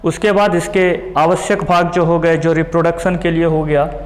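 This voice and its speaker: Man, biology teacher, fairly high voice, repeats terms patiently, long echo. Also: flat delivery. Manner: explains slowly, repeats terms, mixes English terms into Hindi. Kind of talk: classroom lesson explaining a diagram. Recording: long hall reverb.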